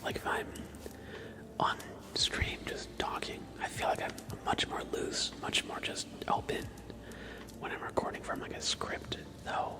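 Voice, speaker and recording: Hosting a casual ASMR stream, a man keeps to a soft, airy whisper. He talks in an informal, halting way and rambles as he goes.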